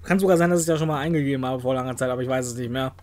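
A man's voice: mid-range voice, rapid-fire, a little mellow. A man hosting a let's play, joking with the game characters and letting out silly exclamations. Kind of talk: playful gameplay commentary.

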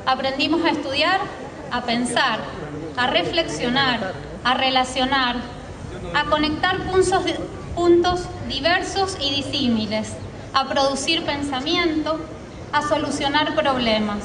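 An Argentine woman in her early forties, an alumna, reads a formal commemorative speech from notes at a podium microphone during an outdoor school courtyard ceremony. Her high-pitched voice is measured and reflective, Argentine Spanish in accent. A distant camera in the crowd captures it through a far-off, echoey PA with crowd noise.

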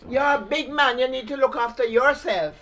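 A woman's voice: high voice, normal speed, background noise. An older woman chatting casually with family, plain-spoken and repeating words for emphasis. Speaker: grandmother. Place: furnished living room. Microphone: camera held by someone else.

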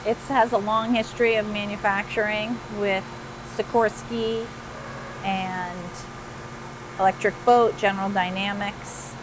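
A woman in her fifties explains her business in a calm, matter-of-fact voice at a middle pitch. Her lapel mic catches a clear hum of air conditioning and machinery from the surrounding shop floor. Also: measured pace. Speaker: shop co-owner. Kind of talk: interview answers. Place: large bright machine shop floor, indoors.

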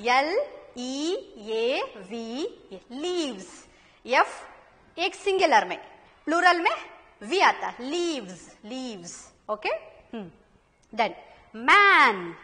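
A high, very animated woman with an Indian accent teaches children in a slow, deliberate classroom manner. She spells words out and keeps checking whether they follow. Her voice is bright and carries a long echo from the room. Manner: explains slowly, repeats words, spells letter by letter, asks children questions. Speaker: primary school English teacher. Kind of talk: classroom lesson in Hindi-Urdu and English.

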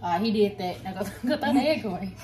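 A woman's voice: mid-range voice, expressive, fairly quick. A young woman making a casual cooking vlog in her home kitchen, filming on a phone and bossing and teasing the kid helping her in a slangy way. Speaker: vlogger. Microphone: phone camera. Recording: echoey kitchen with clear noise.

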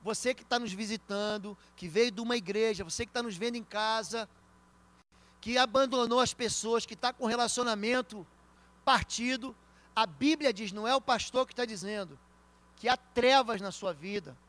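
A man with a Brazilian accent, a pastor preaching a sermon in church, telling stories and speaking straight to the congregation with emphatic swings between loud and soft. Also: high-pitched, moderate pace. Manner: storytelling, addressing the congregation directly.

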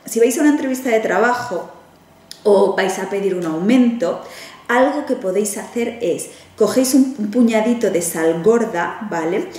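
Recorded from afar by a camera in an echoey indoor room, a Spanish-accented woman from Spain speaks at medium pitch, her voice off-mic. Standing at a table, this ritual-teaching witch demonstrates a ritual in a chatty tutorial, waving her hands expressively and checking in with viewers with frequent "¿vale?"s.

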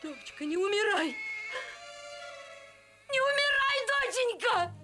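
High-voiced anguished village mother. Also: lively intonation, brisk, over music. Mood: grieving. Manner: pleading, calling out, emotional. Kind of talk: film drama acting. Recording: noisy old film soundtrack.

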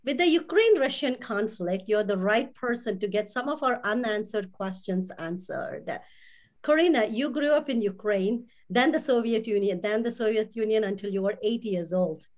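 A woman's voice: mid-range voice, expressive, moderate pace, a little mellow. A woman hosting a talk show, introducing and questioning her guest with enthusiastic praise. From immigrant. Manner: enthusiastic, complimentary. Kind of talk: interview host.

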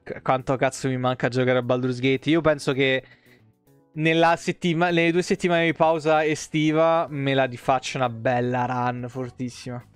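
Clean in tone with no room sound and faint music behind, a medium-pitched man talks at a normal pace. He's a Roman game streamer in his thirties, giving rambling, expletive-laden, expressive commentary into a close desk microphone in a small room at home.

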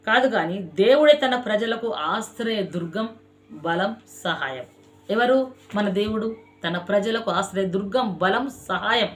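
A woman preacher delivers an impassioned sermon in a mid-pitched voice. She repeats short devotional phrases, stretching each one slowly and forcefully. Then she sinks to a hushed, quiet close and addresses the listener directly. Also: expressive, soft background music. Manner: slow emphatic chanting of scripture phrases, swelling then dropping soft; repetitive exhorting address to the listener.

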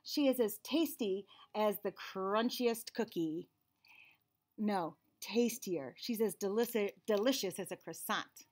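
A medium-pitched woman's voice with a darkish tone moves at a slow pace. She is an American read-aloud host and teacher in her forties, expressively reading a picture book to young children with friendly teaching asides, in a small indoor room with shelves and cabinets.

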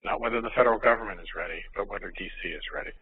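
A man's voice: on the low side, very fast, slightly rough. An older man from Florida, a pediatrician, giving a conference lecture in a hesitant way with many fillers and restarts. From Miami, Florida. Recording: tinny phone-like recording, faint noise.

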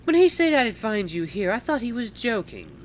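A man's voice: high-pitched, big pitch swings, normal speed, pitched above the performer's own voice. A man voicing a teasing, wry female beast-folk villager as he reads a visual novel aloud, with a dry, mocking way of talking.

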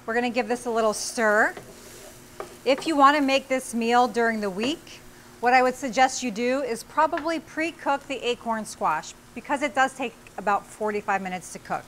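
Cooking in a small studio kitchen, a forties-aged host walks viewers through each step in a friendly way. Her voice sits on the high side, fairly bright, at normal speed. Her lapel mic picks up a little hiss or hum.

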